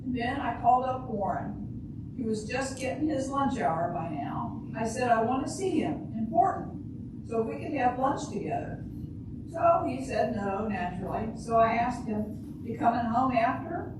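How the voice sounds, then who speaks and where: An older woman, her voice on the high side and a little slow, close to how she'd normally talk, plays a naive, blunt, literal-minded housewife and mother in an amateur readers' theater. She recounts earnestly in plain, ungrammatical phrasing, matter-of-fact about shooting her husband. The recording is distant, very echoey, and made in a noisy room.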